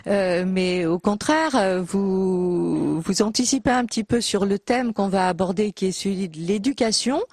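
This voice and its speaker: Polite, husky woman moderator. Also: medium pitch, unhurried, few pauses, darkish tone, dry recording, clean studio sound. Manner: polite and encouraging. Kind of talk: moderating a panel.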